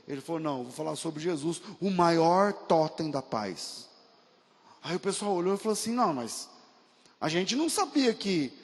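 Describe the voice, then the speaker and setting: A man's voice: a little high, gravelly, breathy edge, long reverb tail. A male pastor telling a story in a sermon, acting out the dialogue with rising emotion.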